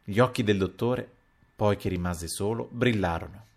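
A man with a low, deep voice narrates a classic novel aloud. His reading is measured and expressive, in audiobook style. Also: gravelly.

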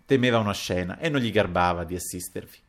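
A man with a low, deep voice narrates a classic novel aloud. His reading is measured and expressive, in audiobook style.

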